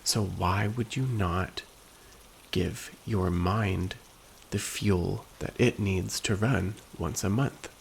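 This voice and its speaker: A man speaking in a slow, soft, hushed and gentle ASMR pep talk style, at times whispery. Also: slight background noise, rough recording. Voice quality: low, very creaky. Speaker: ASMR host.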